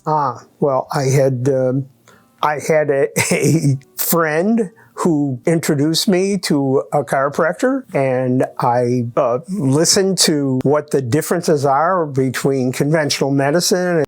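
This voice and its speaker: Old guy in his 80s telling his story, stops and restarts a lot, counts off points, soft guitar behind. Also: on the high side. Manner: halting, many restarts, lists points by number. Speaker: chiropractic patient. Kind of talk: testimonial interview.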